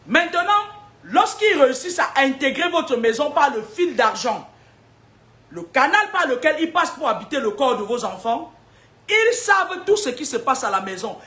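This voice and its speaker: A woman's voice: sits high, very animated, normal speed, a bit bright. A woman, a spiritual seer preaching warnings in an emphatic, combative way, with rhetorical questions and frequent laughter. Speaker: spiritual seer giving prophecies.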